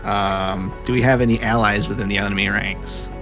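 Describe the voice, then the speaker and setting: Male player, playful and loose, music clearly behind. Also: lowish voice, fairly even intonation, normal speed. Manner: playful, laughs often. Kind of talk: casual tabletop game play.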